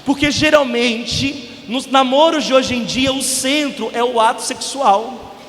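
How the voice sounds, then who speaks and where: A male priest with a Brazilian Portuguese accent preaching a sermon in a large church, alternating emphatic loud bursts with soft drops. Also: very high voice, unhurried. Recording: church reverb, faint hiss.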